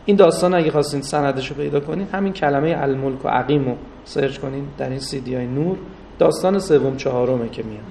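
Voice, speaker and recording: A man's voice: mid-range voice, gravelly. A man giving a religious lecture with stories, rising for emphasis and drawing out recited Arabic phrases. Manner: animated, rises for emphasis, drawn-out Arabic recitation. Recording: distant mic with faint noise.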